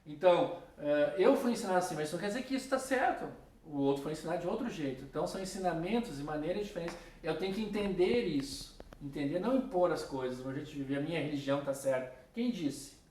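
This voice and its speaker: A man's voice: fairly high pitch, animated, quick pace, hardly any pauses, a little mellow, slight background noise. A man teaching a philosophy class in a casual way, talking straight to his students. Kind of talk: recorded class lecture. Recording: roomy, from a distance.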